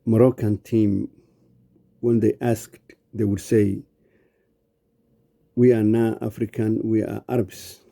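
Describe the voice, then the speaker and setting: A man's voice: lowish voice, gravelly, warm tone. A man from Somalia speaking in an indignant, blunt monologue. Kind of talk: angry monologue.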